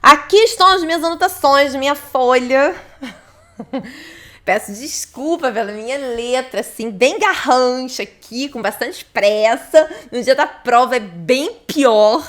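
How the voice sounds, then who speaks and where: High-voiced, chatty woman teacher. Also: unhurried. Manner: animated and chatty, laughs often, addresses viewers directly. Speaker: English test-prep teacher. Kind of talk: online video lesson.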